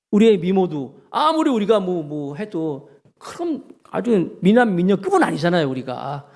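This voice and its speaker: A male pastor delivers a sermon in a fairly high register. He tells a story in an animated way and slips into the voices of the people in it. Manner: storytelling preacher, acts out quoted voices with lively pitch swings. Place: church sanctuary.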